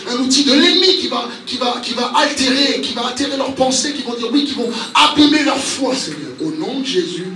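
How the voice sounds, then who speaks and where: A pastor preaches and prays before his congregation in a spontaneous, charismatic sermon, pressing emphatically with repeated exhorting phrases. His voice is high-pitched, pushed and bright, captured by a distant mic in a large, echoey church with a noisy background.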